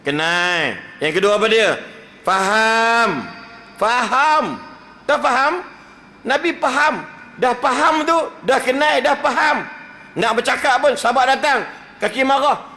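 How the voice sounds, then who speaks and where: A man's voice: extremely high pitch, slow pace, bright, forceful tone. A man giving a humorous religious lecture, telling stories with jokes and acted-out quotes.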